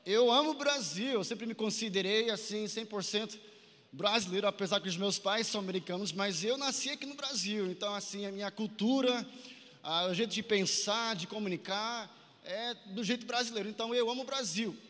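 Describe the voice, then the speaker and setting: With a brisk, fairly bright voice that sits high, a northern Brazilian preacher from Santarém, Pará, exhorts a youth conference in a reverberant large hall. He calls on the listeners to repeat phrases and respond to him.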